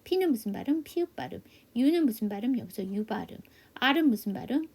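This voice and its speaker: Woman, gravelly voice, dark tone, online English class, asks and answers own questions. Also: fairly high pitch, sing-song, moderate pace. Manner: drops into soft half-whispers on explanations. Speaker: English teacher. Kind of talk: online phonics lesson. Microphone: computer mic for a video class.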